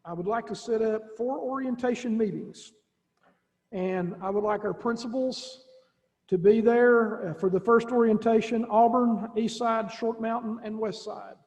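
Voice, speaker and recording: The male director of schools offers folksy, meandering remarks with many restarts at a school board meeting. He speaks a little slowly in a high voice with fairly even intonation and a darkish tone, captured as dull lo-fi audio in an echoey room.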